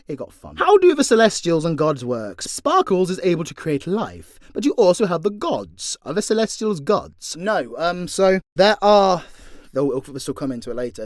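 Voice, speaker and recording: A British voice actor and content creator answers fan questions casually and off the cuff, blunt, joking and swearing plenty. His voice is a little high, recorded with studio quality and no room sound.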